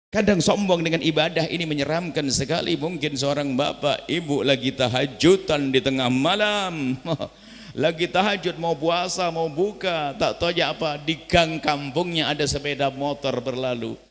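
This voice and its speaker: A man's voice: on the high side, moderate pace. A middle-aged male preacher giving an impassioned sermon, his voice surging upward into emotional pleas. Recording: long reverb of a large hall.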